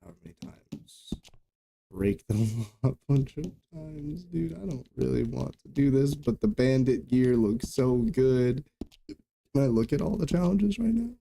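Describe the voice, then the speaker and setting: A man's voice: mid-range voice, measured pace, vocal fry, mellow. A young man from Arizona with no regional accent, giving casual, jokey let's play commentary and swearing freely. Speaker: gamer streaming a playthrough. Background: game music and horse hooves.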